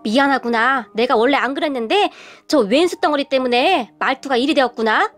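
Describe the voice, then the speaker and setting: A woman voicing a sharp-tongued older mother-in-law who scolds her daughter. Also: high-pitched, lively intonation, a little fast, soft background music. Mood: apologetic. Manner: scolding, sighing.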